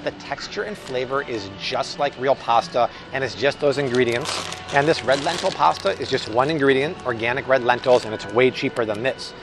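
Talking over music at normal speed, a medium-pitched American man in his thirties hosts a supermarket vlog. He reviews a product casually and enthusiastically, sounding upbeat and chatty, while store ambience and hum from the large indoor aisle are clearly heard.

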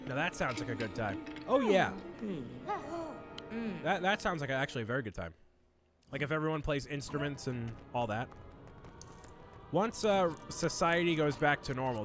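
A man's voice: mid-range voice, lively intonation, normal speed, pauses often. A man chatting casually on a live stream as he plays a video game, reading chat aloud and bantering with the characters on screen. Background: game music.

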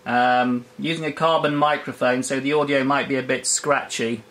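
A man's voice: medium pitch, steady tone, moderate pace, a bit bright. A man speaking on air over a homebuilt transmitter, his voice coming through a scratchy carbon microphone with hesitant call-sign talk. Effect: scratchy carbon microphone audio. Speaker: amateur radio operator. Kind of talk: on-air radio exchange.

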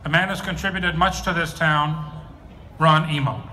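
A man's voice: a little high, fairly even intonation, moderate pace, sharp tone. An older man making public introductions as master of ceremonies at an outdoor event. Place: outdoor town square, microphone and speakers. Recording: noisy outdoor crowd recording.

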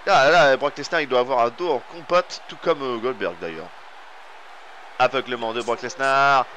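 A man with a French accent giving excited play-by-play commentary over a wrestling video game, rising to shouts on big moves. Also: medium pitch, normal speed, muffled recording, slight background noise.

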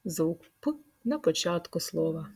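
Slow sing-song woman teaching small children. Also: on the low side, animated, vocal fry, a little mellow, slightly rough. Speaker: preschool teacher. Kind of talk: speech lesson for young children.

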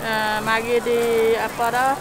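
A woman speaks through a face mask from behind her food stall. She answers in short, halting bits with a flat, even delivery, and heavy background noise from the busy mall surrounds her. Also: fairly high pitch. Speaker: street food vendor. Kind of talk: casual answers to a vlogger's questions.

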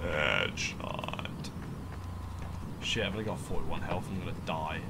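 A teenage boy hosting profane gameplay commentary, swearing constantly and bursting into shouted rage. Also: deep voice, fairly even intonation, quick pace. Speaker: gaming channel host. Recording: noisy game-audio capture.

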